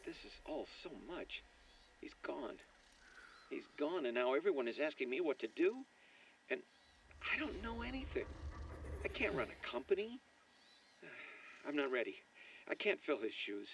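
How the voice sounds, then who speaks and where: A man's voice: on the high side, sing-song, moderate pace, long pauses, a bit bright, highs cut off. An actor playing an anxious young man who has inherited a toy company, speaking in a shaky, self-doubting way, heard as game audio. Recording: game audio, distant with faint noise.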